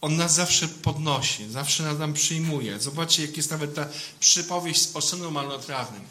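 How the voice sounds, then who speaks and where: A man's voice: a little high, moderate pace, bright, forceful tone. A man, a priest, giving an informal sermon in a conversational way, often adding a questioning tag to his sentences.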